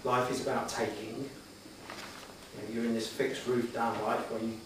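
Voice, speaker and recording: A middle-aged man giving earnest, slightly hesitant answers in a formal interview before a room, with measured phrasing. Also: mid-range voice, little pitch movement. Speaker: job applicant answering interview questions. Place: echoey meeting room, addressing the room. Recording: very echoey hall, distant mic, background noise.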